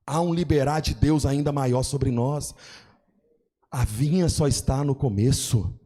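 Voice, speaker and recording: A man preaching a sermon as pastor, building fervently into shouts. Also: mid-range voice, a little slow.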